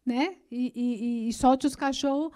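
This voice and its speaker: A woman's voice: high-pitched, steady tone, a little slow, dark tone. A Brazilian woman hosting a TV talk show, chatting with her guest, agreeing and adding her own remarks. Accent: Brazilian Portuguese. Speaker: TV show host. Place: TV studio.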